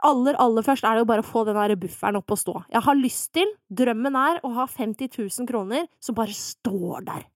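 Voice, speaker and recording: This is a young woman co-hosting a podcast with a fairly high voice. She talks in a chatty, frank, self-mocking way. Her voice sounds close and dry. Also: few pauses, no echo. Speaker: podcast co-host. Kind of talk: casual podcast chat.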